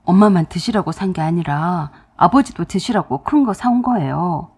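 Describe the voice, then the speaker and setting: Woman voicing a low-pitched grown son. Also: animated, normal speed, darkish tone, slightly rough. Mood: pleading. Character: adult son pleading with his mother.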